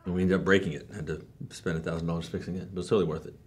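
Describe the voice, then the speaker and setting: Low-voiced blunt man talking shop. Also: racing. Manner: blunt, profane, relaxed. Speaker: show co-creator discussing military comedy. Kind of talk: casual podcast conversation.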